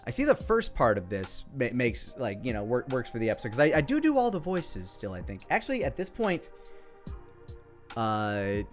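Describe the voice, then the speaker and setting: The American creator, a man in his thirties, keeps up his off-the-cuff, meandering commentary, breaking into his own sentences along the way. His mid-range voice swoops wildly in pitch at a normal speed, with music in the background.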